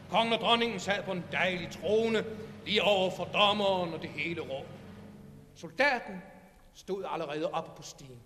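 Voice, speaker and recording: A man reading a fairy tale aloud in a measured, dramatic storytelling way, from an archive recording. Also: high voice, fairly bright tone, big-room sound, a little hiss or hum. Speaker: reader.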